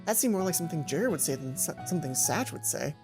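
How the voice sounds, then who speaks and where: Speaking fast in a deep, expressive voice, a woman hosts a let's play of a visual novel. She acts out the characters' lines with feeling and keeps pausing to chat casually, with game music underneath.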